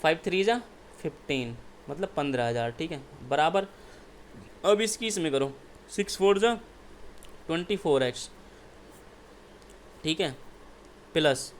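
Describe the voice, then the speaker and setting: A man from India with a slightly high voice teaches maths, working through exam problems step by step. He keeps posing questions and answering them himself, often checking in with "ठीक है" (okay). A faint hiss or hum sits under the recording.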